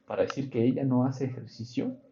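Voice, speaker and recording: A man's voice: mid-range voice, fairly even intonation, a little fast, mellow, a little hiss or hum. A man teaching English grammar in an online class, patiently explaining and checking in with his students. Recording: dull lo-fi online class audio.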